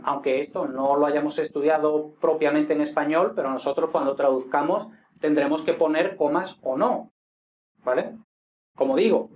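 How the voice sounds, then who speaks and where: A man from Spain with a Spanish accent teaching a casual online Latin grammar lesson, often checking in with "¿vale?" as he explains. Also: on the high side. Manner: chatty, frequent "entonces" and "¿vale?" checks with students.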